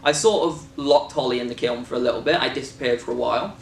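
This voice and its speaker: A man's voice: mid-range voice, fast talker, creaky. Rambling British man in an echoey room. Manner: rambling, jokey, many fillers. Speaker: filmmaker and co-host. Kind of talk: casual chat. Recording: echoey room from a distance with faint noise.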